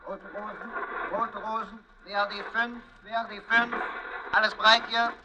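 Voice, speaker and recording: A sub captain on shortwave in an old radio play, monotone, high pitched, dull radio sound. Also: male voice, moderate pace. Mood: flat, official. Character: German submarine captain sending coded wireless messages. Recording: muffled shortwave radio transmission.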